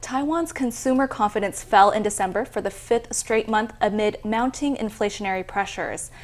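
A woman's voice: medium pitch, moderate pace. Woman reading scripted news. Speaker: news reporter.

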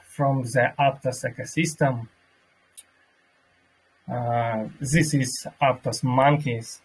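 A man who is a native Russian speaker, hosting an online workshop and introducing a guest in a halting way, searching for words, with a slightly husky voice. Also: medium pitch, darkish tone, rough recording. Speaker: host of an online crypto community workshop.

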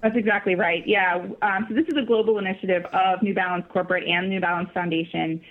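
A woman's voice: on the low side, steady tone, fast talker, a little hiss or hum. A woman who is a guest on a radio talk show, upbeat and explaining her program from her notes. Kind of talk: phone interview. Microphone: phone. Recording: tinny phone line.

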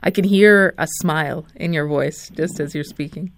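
A woman's voice: low voice, normal speed. Attentive woman radio interviewer. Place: radio studio.

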